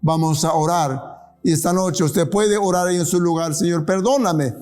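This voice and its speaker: A man preaching a sermon and leading a closing prayer, earnest and pleading, slowing down to stress key phrases. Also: fairly high pitch, fairly even intonation, a little mellow. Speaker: pastor.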